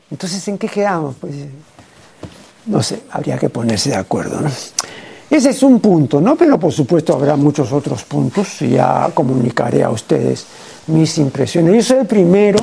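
An older man, hosting a TV program and speaking to viewers in a measured, erudite way, often ending phrases with a questioning tag. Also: sits high, gravelly, dark tone. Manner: measured, erudite, with frequent rhetorical "¿no?" tags. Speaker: TV program host. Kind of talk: unscripted on-air talk to viewers.

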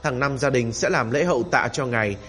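A man's voice: medium pitch, brisk, a bit bright, slightly rough, soft background music. A man doing a bold young Taoist exorcist. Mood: polite, composed. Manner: polite at first, then cursing angrily.

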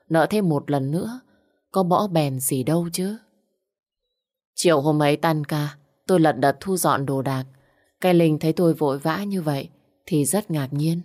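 Low-voiced woman reading a story. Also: darkish tone. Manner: reads every character in her own voice. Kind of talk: first-person story narration with dialogue.

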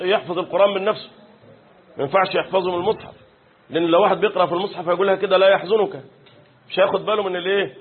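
A man with an Egyptian Arabic accent and a high-sitting, husky voice teaches a Quran commentary lesson. He chants verses and quizzes his students with rhetorical questions, in a phone-like lo-fi recording.

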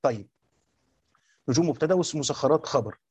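A man's voice: on the high side, lively intonation, a little fast, a little mellow, husky, no room sound. A man with an Egyptian accent teaching a class on Quranic exegesis, repeating his points and quizzing his students. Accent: Egyptian Arabic. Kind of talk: classroom lecture.

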